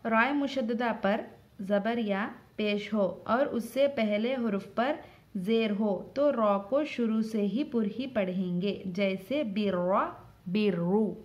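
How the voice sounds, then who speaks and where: A woman's voice: on the high side, a little mellow, highs cut off. Patient woman teaching recitation rules. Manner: patient, repetitive explaining with slow drawn-out sound examples. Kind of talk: Quran recitation rules lesson.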